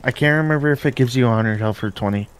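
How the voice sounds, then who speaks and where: A man on team voice chat, giving quick tactical callouts during a shooter game. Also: mid-range voice, slight background noise.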